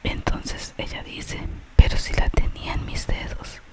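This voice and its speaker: An ASMR storyteller whispers a gentle tale from start to finish. The delivery is very slow and unhurried, with no full voice in it. The narration moves softly from the story toward its moral.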